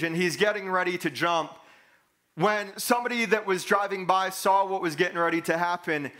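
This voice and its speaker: A pastor in his thirties delivers an earnest sermon from a church stage, restating his main points with emphasis. His voice sits high and rings bright and forceful. He paces and gestures as he speaks. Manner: earnest, emphatic, repeats key lines for stress; gestures broadly while walking the stage.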